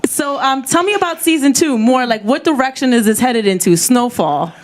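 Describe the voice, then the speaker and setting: A woman hosting a casual radio interview, asking teasing, lively questions. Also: high-pitched, normal speed. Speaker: interview host.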